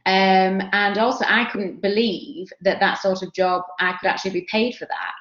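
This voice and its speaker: A young woman from Yorkshire, England, with a Yorkshire accent, speaks as a guest about her career on a video call, casual, self-deprecating and full of fillers. Her mid-range voice is steady, moderately paced and a bit bright. The audio is roomy and dull, typical of a video call.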